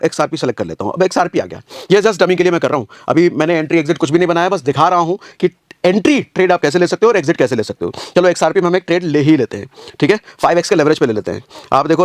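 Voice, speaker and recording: A man's voice: a little high, no echo, clean studio sound. A man giving a casual screen-share trading lesson, explaining each step and repeating his points with rhetorical questions. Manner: casual, calls viewers brother. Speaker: trading teacher.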